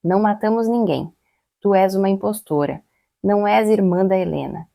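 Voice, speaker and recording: A woman's voice: medium pitch, normal speed, vocal fry, dark tone, no room sound, clean studio sound, lightly acted. A woman voicing a stern, protective adoptive father in a storybook reading, speaking firmly and severely. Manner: severe, firm.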